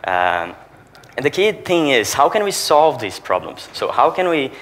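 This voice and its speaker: A sales manager whose first language is Portuguese gives a conference talk with a Portuguese accent, explaining his points through rhetorical questions to the audience. His mid-range voice is very animated and fairly bright, at a moderate pace.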